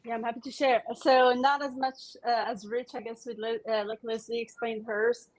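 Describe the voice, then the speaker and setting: A woman's voice: on the high side, little pitch movement, normal speed, poor audio. A woman from Morocco, a podcast guest eagerly telling a rambling story and laughing often. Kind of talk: casual interview chat.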